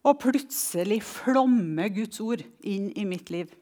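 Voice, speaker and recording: Earnest woman giving a slow testimony. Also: mid-range voice, warm tone. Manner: earnest, reflective, with slow emphatic pauses. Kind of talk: personal testimony talk.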